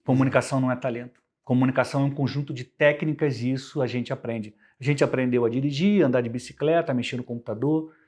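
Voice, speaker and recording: A man with a Brazilian Portuguese accent, a guest on a podcast, explaining communication with lively everyday examples. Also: medium pitch, fast talker, few pauses. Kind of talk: conversational podcast interview.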